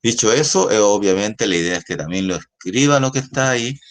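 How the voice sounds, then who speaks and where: Man teacher, low deep voice, patient step-by-step explaining. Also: expressive, a little fast, noisy background. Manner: patient, repetitive explaining with checking questions. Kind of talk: classroom lesson.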